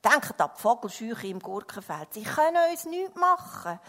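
A woman preaching a sermon earnestly, moving from loud emphasis to hushed words, then praying. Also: a little high, big pitch swings, moderate pace. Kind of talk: sermon with story reading and prayer.

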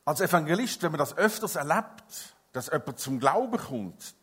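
A middle-aged man preaching a sermon as an evangelist, emphatic, swinging between loud stresses and quiet, intimate passages. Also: fairly high pitch, animated, normal speed, husky.

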